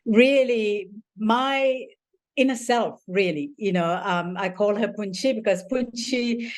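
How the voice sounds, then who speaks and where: With a medium pitch and a slow pace, an older Sri Lankan author and family therapist gives long, warm, rambling interview answers. "You know" fillers and restarts run throughout.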